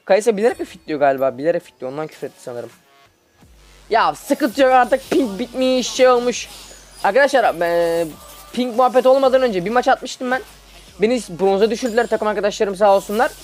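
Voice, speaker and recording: A young man, a student, giving excited live commentary over his own mobile gameplay, chatty and teasing his teammates. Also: high-pitched. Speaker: gaming video host.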